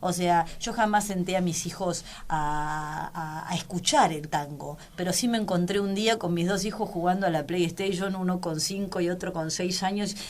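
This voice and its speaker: A woman in her forties with a Rioplatense Argentine accent and a fairly low voice is a radio interview guest. She's a tango musician and teacher, and she speaks haltingly, often restarting her words.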